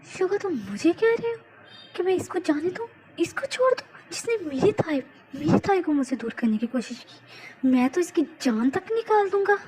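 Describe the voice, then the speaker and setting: A woman's voice: very high voice, expressive, normal speed, darkish tone, a little hiss or hum, voice pushed up. A woman voicing a hot-tempered young male mafia boss in a fan audio drama, talking emotionally with repeated stammers. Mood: furious.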